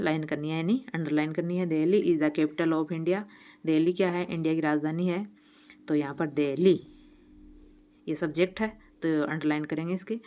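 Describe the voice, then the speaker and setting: A woman teacher explaining a workbook lesson, reading each item slowly and then asking and answering her own questions. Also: low-pitched, a little mellow.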